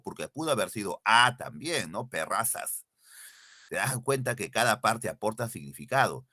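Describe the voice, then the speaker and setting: A man's voice: mid-range voice, pushed and bright, no echo, clean studio sound. A male teacher giving an online exam-prep class, repeating key definitions and quizzing his students directly. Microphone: computer mic, screen sharing.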